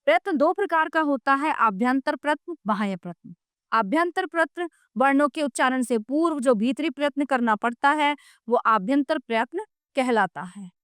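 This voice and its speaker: A woman teacher reads through a grammar lesson in a fairly high voice, and the recording is dry with no room sound. She reads the definitions steadily and slows down to sound out each letter and example word. Now and then she drops a short aside to the viewer. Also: lively intonation, a bit bright, no echo. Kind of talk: reading a grammar lesson aloud.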